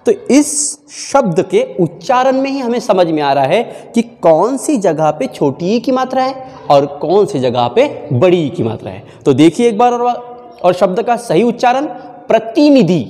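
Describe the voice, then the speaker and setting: A man teaches a spelling lesson, drawing words out syllable by syllable. His voice sits a little high and swings widely in pitch. It rings with a long reverb, as in a hall. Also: dark tone. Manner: repeats words slowly, syllable by syllable; mixes in Marathi phrases.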